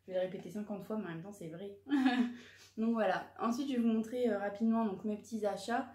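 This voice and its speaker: Chatty young woman, mellow voice, roomy echo. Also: mid-range voice, fairly even intonation, fast talker. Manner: chatty, hesitant with many fillers and self-corrections. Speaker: vlogger showing her purchases. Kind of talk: casual haul vlog. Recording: roomy echoey room.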